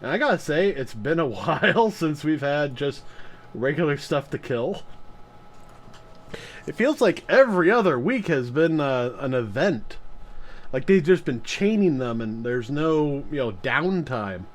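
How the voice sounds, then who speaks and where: A man talks casually to his live-stream audience in a fairly high voice. His delivery is animated and swoops around in pitch, rambling with plenty of laughs as he chats between games. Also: a little slow. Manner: chatty and rambling, laughs often. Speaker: streamer host.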